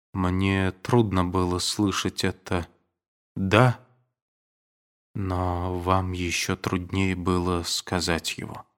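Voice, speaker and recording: A man reading a novel aloud, voicing a lovesick young man who pleads earnestly and then turns quiet and grim. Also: deep voice. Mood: grim, hushed. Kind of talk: audiobook reading.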